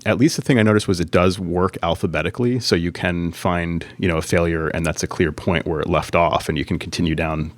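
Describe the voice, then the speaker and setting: Low-voiced rambling man in a casual tech chat. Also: dry recording. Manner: rambling, many fillers and restarts. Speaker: podcast co-host, Apple consultant.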